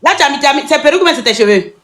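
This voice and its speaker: A woman's voice: sits high, lively intonation, rapid-fire, a bit bright, slight background noise. A woman with an Ivorian French accent teasing and insulting in casual banter on a phone live stream, often laughing as she talks. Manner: teasing, mocking insults, laughs while talking.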